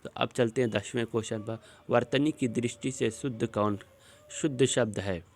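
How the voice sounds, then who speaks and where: A man of medium pitch takes learners through on-screen spelling questions in an exam-prep lesson. As he explains, he slowly repeats each word.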